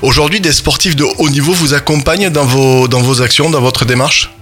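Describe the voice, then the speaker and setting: A man's voice: medium pitch, steady tone, a little fast, fairly bright tone. A man working as a radio interviewer, putting questions to a guest.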